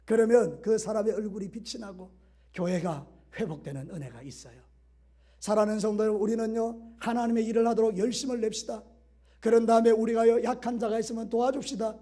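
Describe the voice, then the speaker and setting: A middle-aged male pastor preaching a sermon, swinging from loud exhortation to soft asides. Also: high voice, fairly quick. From Korea.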